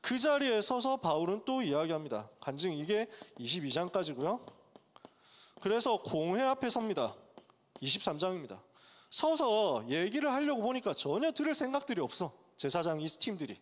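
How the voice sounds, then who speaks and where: A male pastor preaching to college students, telling the story in a lively way and acting out its characters' voices. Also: high-pitched, moderate pace. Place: church sanctuary. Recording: long church hall reverb.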